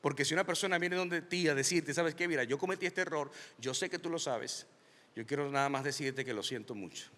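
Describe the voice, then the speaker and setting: High, animated preaching man in a hall. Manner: emphatic preaching, slows and rises on key lines. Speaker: pastor. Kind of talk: sermon.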